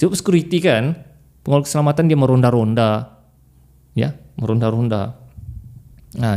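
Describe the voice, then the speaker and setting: A young man telling a story casually, animated and laughing often as he mimics voices. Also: fairly high pitch.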